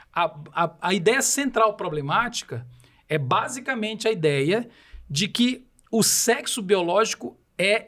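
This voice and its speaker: A man with a high, slightly bright voice appears as a podcast guest, speaking Paraense-accented Brazilian Portuguese; he's from Belém do Pará. His style is didactic, with rhetorical questions woven into his explanations.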